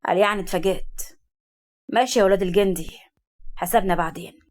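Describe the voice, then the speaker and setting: A woman reading a story, voicing a shrewd, commanding old grandfather with an Egyptian accent and a sharp manner. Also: fairly low pitch, steady tone, quick pace, lightly acted. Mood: stern. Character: stern, shrewd old grandfather, family patriarch.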